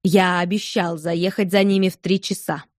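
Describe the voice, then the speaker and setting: A woman voicing a calm, firm husband. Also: on the low side, normal speed, no room sound, studio quality, lightly acted. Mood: coaxing, firm. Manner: soothing, firm, gently condescending. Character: calm, firm husband, patient but unbending. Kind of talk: audiobook character voice.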